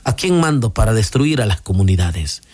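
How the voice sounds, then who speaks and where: A man voicing Satan as a slow, commanding devil king in a spoken parable. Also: on the low side, big pitch swings, darkish tone, breathy edge, no echo, pitched below the performer's own voice. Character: scheming devil king holding court.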